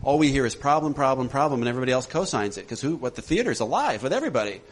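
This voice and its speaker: A man leading a recovery workshop for a group, animated and laughing often as he acts out voices. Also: mid-range voice, rapid-fire, breathy edge. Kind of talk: talk to a group.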